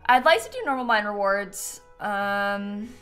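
Her medium-pitched voice swings widely in pitch, with a sharp, clear, resonant tone and a measured pace. A playful young woman hosting a gaming live stream, she giggles close to the mic and jokes about herself casually with viewers, from a small room at home with game music in the background.

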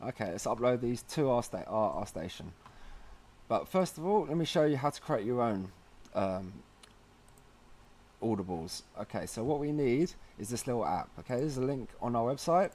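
Very animated and speaking at a moderate pace, a how-to video host with a medium-pitched, darkish voice narrates a casual tutorial. He explains the process step by step in a relaxed, conversational manner.

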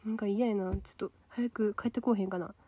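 A young woman with a Kansai accent, an idol trainee, hosts a solo livestream, chatting casually and reacting aloud to viewer comments. She talks fast in a warm, medium-pitched voice with fairly even intonation, and there's no echo.

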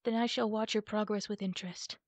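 A woman's voice: medium pitch, fairly even intonation, brisk, no echo, lightly acted. A woman doing a domineering tom warrior cat. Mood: cool. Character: big scarred male warrior cat, confident, domineering.

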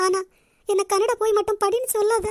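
A tender young cartoon heroine, voiced by a woman, speaking in a very high, emotional, pleading voice. The sound is dry and close. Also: fairly even intonation, a little fast, darkish tone, dry recording. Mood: tearful.

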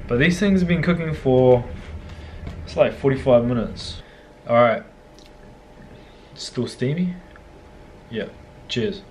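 A young man chats in an easygoing, slangy way, cursing casually as he cooks. He holds the camera close, and there is a steady hiss of outdoor noise behind him. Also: mid-range voice, slow, long pauses. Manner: laid-back, slangy, swears casually. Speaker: cooking vlogger. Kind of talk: casual cooking vlog. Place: outdoor backyard by a grill and indoor kitchen.

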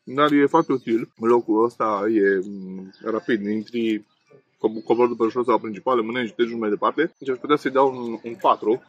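Recorded dry and dull, a Romanian man in his thirties speaks in a mid-range voice while vlogging a food review at an outdoor table along a main road. Between mouthfuls he chats in a relaxed manner, with many fillers. A camera on the table faces him, picking up faint road noise, passing traffic and outdoor ambience.

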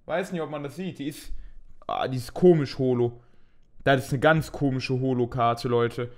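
A man's voice: mid-range voice, moderate pace. A young man hosting an unboxing video, chatting casually and thinking aloud with a mildly self-mocking tone.

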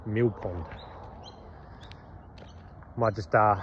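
An Australian man narrates his solo camping and touring vlog in a laid-back, rambling way, with a fairly low, steady voice and drawn-out words. He's recorded outdoors at a campsite and in a car, and the lo-fi audio sounds dull, with clear outdoor and engine noise.

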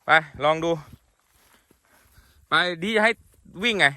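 A man's voice: takes it slowly, pushed and bright, no echo. A man casually narrating a vlog outdoors at a horse paddock, playfully coaxing and teasing his horses and chuckling as he talks. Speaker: horse owner and channel host.

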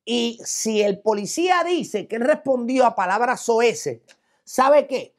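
A man's voice: very high-pitched, slow. A man with a Puerto Rican accent gives opinion commentary and tells a personal anecdote, acting out the voices of the people in it. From Puerto Rico. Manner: animated storyteller who acts out quoted voices.

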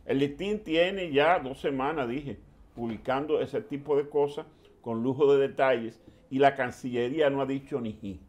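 An older man hosting political commentary in a TV studio, speaking in a measured, deliberate way. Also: medium pitch, a little mellow. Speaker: TV commentary host.

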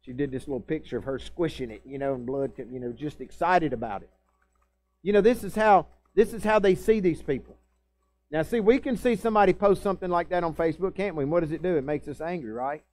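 A man preaching a sermon to his church, pleading and earnest, rising to loud scripture readings and dropping to quiet asides. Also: on the high side, fast talker. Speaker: pastor. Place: church sanctuary.

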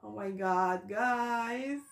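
A woman's voice: a little high, drawn-out words, slight background noise. Young Indonesian woman gushing on a reaction video. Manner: gushing, emotional, slangy, addresses viewers as guys. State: teary, near crying. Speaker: YouTube reactor. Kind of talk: casual reaction video chat. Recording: echoey room with music playing behind.

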